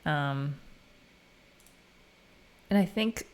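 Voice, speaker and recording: Deep-voiced and drawing out her words, an American woman chats casually during a coding live stream. She thinks out loud in an informal way.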